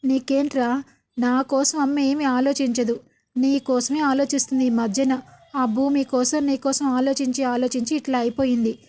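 A woman's voice: high voice, level tone, moderate pace, mellow, close to an everyday voice. Woman reading a cheeky younger sister. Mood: playful.

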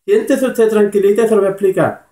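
Un hombre imitando a un médico educado y paciente. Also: male voice, high-pitched, quick pace, dark tone, reverberant, pitched above the performer's own voice, natural voice. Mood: patient. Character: calm, formal male family doctor.

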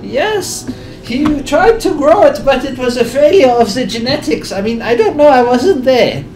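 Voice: sits high, expressive, moderate pace, darkish tone, pitched above the performer's own voice. A gamer doing a rambling mock-German mad scientist. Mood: mock earnest. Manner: absurd, rambling, mock-earnest. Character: eccentric male scientist with a mock German accent. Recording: home recording with clear background noise.

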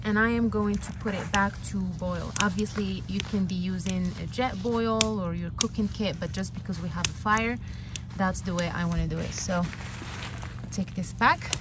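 A young woman vlogs from a campsite by a fire, casually talking viewers through cooking a camp meal step by step with her camera a short way off. She speaks at medium pitch and normal speed in a chatty way, with heavy background noise.

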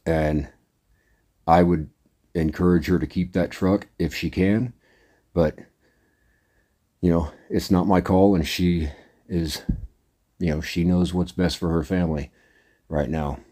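A man's voice: low-pitched, fairly even intonation, slow, pauses often, dark tone. A middle-aged man vlogging casually to his viewers, rambling in a plain-spoken way with lots of "uh"s and "anyways". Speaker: trucker vlogger. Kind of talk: casual monologue to camera.

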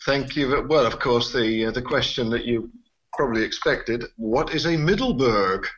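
A man's voice: mid-range voice, lively intonation, normal speed, fairly bright tone. Upbeat male host, lo-fi sound. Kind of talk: moderating a panel. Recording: dull lo-fi audio.

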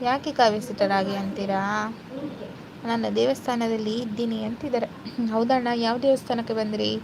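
On a noisy phone live stream, a young woman with a fairly high, fairly even voice talks fairly quickly, reading viewer comments aloud and chatting back. She's warm and chatty, greeting viewers and slipping English words into her speech.

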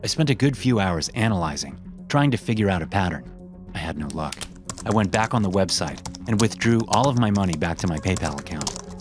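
A young man narrating a horror story in a tense, hushed voice, swearing casually. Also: low-pitched. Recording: narration over loud music.

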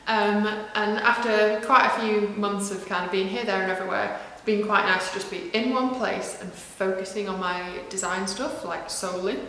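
A woman's voice: mid-range voice, fairly even intonation, normal speed, hardly any pauses, bright, forceful tone, slight background noise. A woman from northwest England, a knitwear designer chatting casually to camera, self-deprecating and full of ums and asides. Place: large echoey room in a house. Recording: very echoey big room.

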